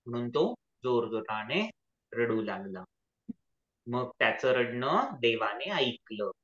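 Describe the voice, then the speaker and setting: A man telling a children's story, pausing often to explain words and check that listeners follow. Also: mid-range voice, very animated, a bit bright. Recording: echoey, slightly dull recording.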